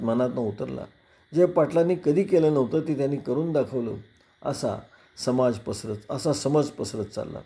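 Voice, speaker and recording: Mellow-voiced male storyteller. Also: medium pitch. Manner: measured, dramatic narration. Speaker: storyteller reading a novel aloud. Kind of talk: expressive reading of a rural novel.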